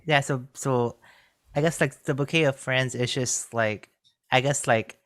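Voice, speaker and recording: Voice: mid-range voice, steady tone, unhurried, fairly bright tone. A podcast host opening a loose, conversational episode, hesitant and full of "like" and "I guess.". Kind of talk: casual podcast chat.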